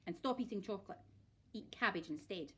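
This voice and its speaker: A woman's voice: mid-range voice, expressive, fairly quick, husky. A woman voicing a selfish, grumpy, tiny old grandmother who snaps and scolds bossily in a storybook reading. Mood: bossy. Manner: snapping, bossy, scolding.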